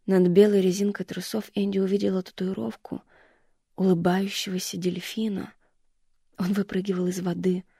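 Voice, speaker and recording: A woman reads a novel aloud in a husky, mellow voice. Her pitch barely moves and her reading is even and measured. The studio recording is close and dry. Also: no echo. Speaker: audiobook narrator. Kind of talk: scripted audiobook narration.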